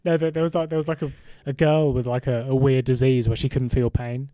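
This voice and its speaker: A young adult man, a comedian co-hosting a podcast, riffing on absurd ideas in a deadpan casual way. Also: mid-range voice, a little fast, dry recording.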